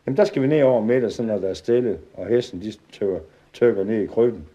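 A man tells a funny anecdote to a live audience in a lively, chuckling way. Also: fairly low pitch, dull audio. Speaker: storyteller. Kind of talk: comic storytelling to a live audience.

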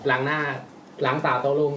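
A man co-hosting a casual podcast, telling a listener's ghost story in a relaxed way with fillers. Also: mid-range voice, a little fast, reverberant, far from the mic, slight background noise. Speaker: podcast co-host reading a story.

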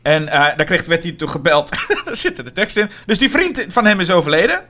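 A man co-hosting a casual chat about a show, animated and laughing as he acts out quotes. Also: high voice, a little fast. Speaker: podcast co-host reviewing a theatre show.

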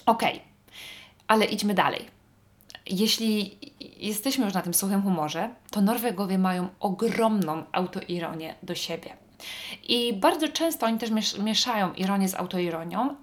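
A Polish woman hosting a podcast, talking in a chatty, wry monologue with frequent fillers. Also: medium pitch. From Poland. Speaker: podcast host. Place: northern Norway.

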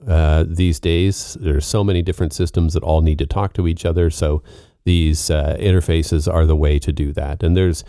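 Deep, dark-voiced man. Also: fairly even intonation, normal speed, no echo, clean studio sound. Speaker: co-host. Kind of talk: casual podcast chat.

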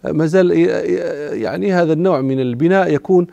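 Lecturing in classical Arabic about the Prophet's life, a Moroccan man explains old vocabulary as he speaks and often breaks off to begin a word again. He talks fairly quickly in a slightly high, creaky, warm voice, and the dry recording has its highs cut off.

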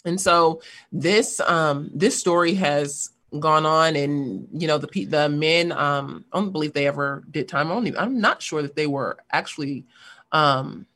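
A woman with a lowish voice talks through a serious subject in casual conversation. She is earnest and thinks out loud, pausing often on fillers as she works through her points. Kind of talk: casual discussion.

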